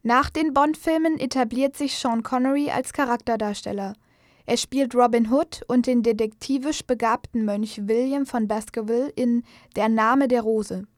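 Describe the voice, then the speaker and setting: A woman's voice: a little high, steady tone, normal speed, darkish tone, no room sound. A woman reading scripted biographical news narration as a voice-over. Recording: dry studio voice-over.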